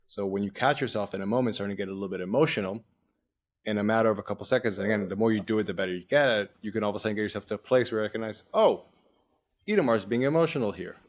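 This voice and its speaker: A man's voice: lowish voice, fairly even intonation, racing. A man on a podcast explaining a coaching method, often quoting his own inner thoughts as he goes. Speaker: performance coach. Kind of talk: podcast interview, coaching talk.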